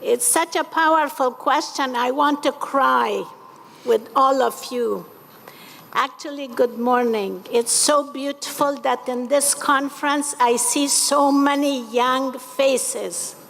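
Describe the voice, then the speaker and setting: A woman's voice: high-pitched, gravelly, fairly bright tone. A woman in her seventies from Afghanistan, an activist speaking on a conference panel in an impassioned, emphatic way. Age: 70s. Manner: impassioned, emphatic, slow and deliberate. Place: large convention hall. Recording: conference hall reverb.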